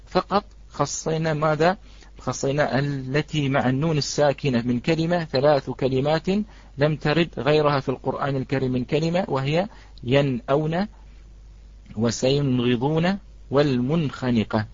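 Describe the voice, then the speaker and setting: Guy teaching quran recitation online, kinda high voice, repeats stuff patiently, dry dull audio. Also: a little mellow, no echo. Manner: patient, repeats points, recites examples slowly. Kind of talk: online tajweed lesson.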